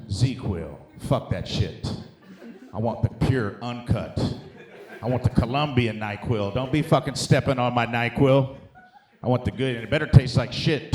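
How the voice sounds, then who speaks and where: A middle-aged American stand-up with a mid-range, darkish voice talks to a live audience emphatically and profanely, addressing them as dude and guys. The tone is conversational, and the room echoes.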